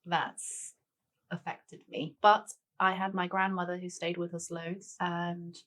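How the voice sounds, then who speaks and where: Fairly low in pitch and fairly bright, her delivery is flat and unhurried. This woman in her forties, Danish-born and raised in Tanzania, is a guest chef and cookbook author chatting in a relaxed interview with lots of "sort of" and "you know."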